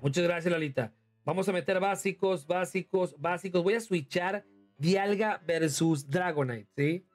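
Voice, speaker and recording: A man's voice: high-pitched, measured pace, soft background music. Chatty Mexican man streaming a game. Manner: chatty, thanks viewers by name, calls them "monstruo". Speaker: livestreamer. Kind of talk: casual livestream gaming commentary.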